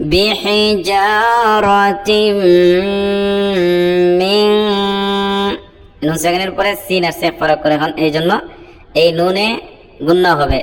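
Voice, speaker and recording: A man teaching Quran recitation, chanting each phrase slowly and repeating it for learners. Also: sits high. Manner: drawn-out melodic chanting, repeating phrases for students. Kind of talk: tajweed lesson, chanting verses then explaining. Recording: long reverb with faint music.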